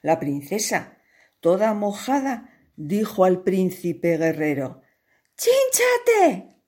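A woman narrating a children's tale in a slow, playful way. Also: fairly low pitch, animated, dark tone. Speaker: storyteller.

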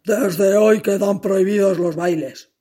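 A sour, bossy farm master from a storybook , put on by a woman, harsh and scolding. The delivery is slow and husky, and every line lands as a rebuke. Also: medium pitch, mellow, natural voice.

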